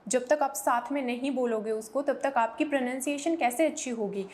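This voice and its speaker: A woman with a high voice teaches English vocabulary in a lesson. She explains each word in Hindi, then reads the English example sentences slowly and carefully. Now and then she urges the viewers to repeat each pronunciation aloud with her. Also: a little mellow.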